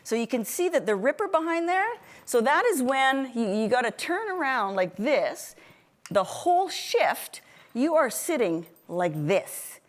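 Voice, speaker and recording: A middle-aged woman giving a motivational keynote, telling stories in a chatty, animated way, restarting sentences often and laughing a lot. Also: sits high, a little slow. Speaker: keynote speaker. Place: event stage before an audience.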